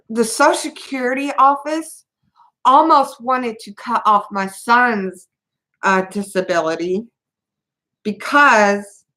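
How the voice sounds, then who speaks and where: A woman talks slowly and haltingly straight to her camera, circling back and restarting her sentences. She is a mother of three on the edge of tears, and her voice sits at a middle pitch throughout her unscripted venting. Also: sharp tone, poor audio. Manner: halting, rambling, many restarts. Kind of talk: tearful personal venting to camera.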